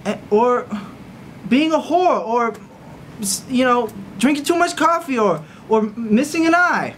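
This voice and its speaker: A man's voice: extremely high pitch, lively intonation, fairly bright tone, a little hiss or hum, heavily acted. An actor playing a timid young male journalist with a lisp who stammers and restarts his sentences in a short film. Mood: earnest. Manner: stammering, halting speech. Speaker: temporary office boss. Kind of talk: student short-film acting.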